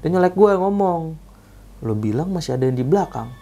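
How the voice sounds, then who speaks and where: Mellow-voiced man telling a story. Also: a little high, brisk, gravelly, soft background music. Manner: lively, acts out quoted dialogue in slang. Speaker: guest telling a true hiking ghost story. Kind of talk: casual spoken storytelling.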